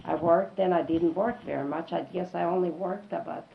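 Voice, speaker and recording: An elderly woman reminisces in an interview, halting and repeating phrases for emphasis. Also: fairly low pitch, fairly even intonation, creaky. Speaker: oral history interviewee. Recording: dull, lo-fi tape with faint noise.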